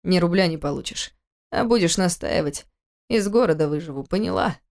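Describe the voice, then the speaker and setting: A woman's voice: fairly low pitch, lively intonation, fairly quick, vocal fry. A woman voicing a cold, mocking husband. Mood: menacing. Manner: quiet, mocking, menacing. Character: cold, scornful adult man, a controlling husband. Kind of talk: audiobook character reading.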